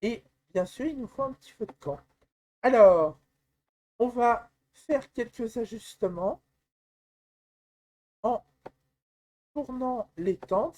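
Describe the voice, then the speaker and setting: A woman with a high, mellow voice walks through a software tutorial. She talks slowly and calmly, step by step, with the odd hesitation. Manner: calm, step-by-step explaining with some hesitations. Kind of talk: screen-recorded software tutorial.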